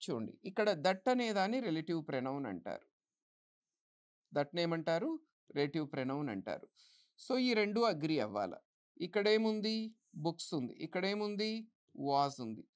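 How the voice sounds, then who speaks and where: A woman's voice: low voice, sing-song. A woman teaching English grammar for exams, asking the class questions and answering them herself. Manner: reads English example sentences slowly and deliberately. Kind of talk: exam-prep grammar lesson.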